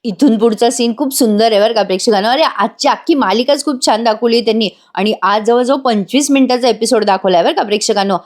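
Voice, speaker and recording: A woman's voice: on the high side, quick pace, hardly any pauses. A woman narrating a voice-over episode recap, chatty and addressing viewers directly. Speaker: serial review narrator.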